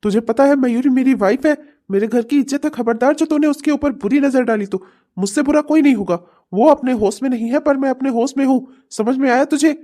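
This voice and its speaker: A woman's voice: sits high, fairly quick, dark tone. A woman voicing a frustrated husband in a cartoon comedy, scolding his wife and then begging her to come home. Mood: angry. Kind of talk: Hindi cartoon comedy voice acting.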